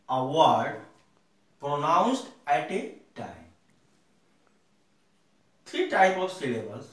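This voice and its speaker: A man gives a grammar lesson with a high, animated voice, going slowly and repeating each point for his students. He sounds distant from the mic, with strong room echo around him. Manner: slow, repeats points for the class. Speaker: teacher.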